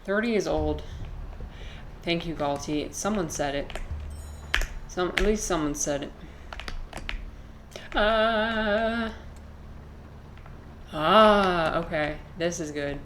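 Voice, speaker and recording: A woman's voice: fairly low pitch, slow, long pauses, a bit bright, slight background noise. A woman in her twenties chatting casually with her viewers while she plays a game, rambling, swearing freely and answering chat comments. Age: 20s. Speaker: live streamer playing a video game.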